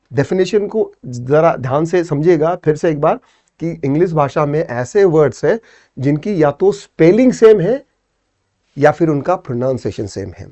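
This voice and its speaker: A man's voice: on the high side, mellow, lo-fi sound. A man with an Indian English accent teaching an exam-prep lesson, explaining step by step and often checking "theek hai".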